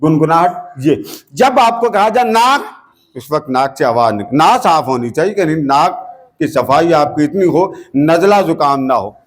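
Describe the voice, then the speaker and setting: A man with a Pakistani Urdu accent teaching children to sing devotional naat in a school classroom. He sings slow, drawn-out lines, then explains quickly and coaxes the pupils. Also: fairly high pitch, expressive. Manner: addresses children as a coaxing teacher. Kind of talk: teaching devotional chant with sung examples.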